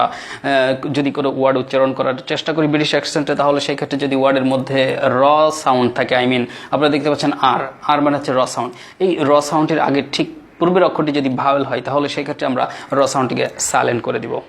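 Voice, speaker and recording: A man with a Bengali accent teaching an English lesson in a classroom, explaining step by step and repeating example words slowly. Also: mid-range voice, steady tone, creaky. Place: classroom with whiteboard.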